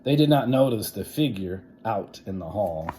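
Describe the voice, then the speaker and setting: A man's voice: lowish voice, lively intonation, moderate pace, dark tone, slight background noise. A man reading a children's story aloud in a theatrical, playful way, with asides to his listeners. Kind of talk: animated children's read-aloud.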